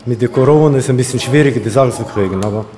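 A man from Madeira with a Portuguese accent, a chef giving short, halting interview answers with fillers in a restaurant. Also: mid-range voice, darkish tone, in a large hall. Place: restaurant dining room.

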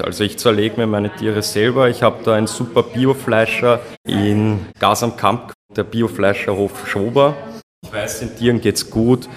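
A man's voice: lowish voice, big-room sound. A young man, a restaurant owner plainly explaining his concept in an interview. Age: young adult. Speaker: restaurant owner and head chef. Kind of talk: casual interview answers. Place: restaurant dining room.

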